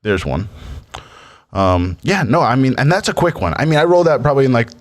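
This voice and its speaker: A young man co-hosting a casual podcast, telling animated stories and laughing often. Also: medium pitch, a little fast. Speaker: podcast co-host. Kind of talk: casual chat.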